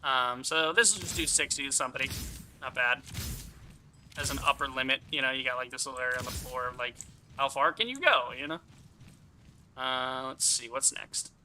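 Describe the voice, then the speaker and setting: Bright, forceful male game streamer. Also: mid-range voice, moderate pace, pauses often, a little hiss or hum. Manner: rambling, thinking aloud; casually profane. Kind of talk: casual first-impressions game commentary.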